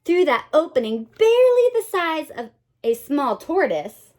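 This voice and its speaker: A teacher with a high-pitched voice reads a picture book aloud to young children, animated and dramatic, stopping now and then to ask her listeners questions.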